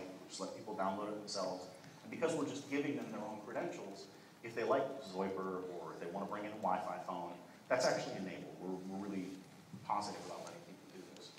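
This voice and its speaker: A young man giving a conference keynote, talking quickly and fluently with frequent "uh" restarts, in a large hall. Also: low-pitched. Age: young adult. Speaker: keynote speaker. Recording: echoey hall, voice from far off, faint noise.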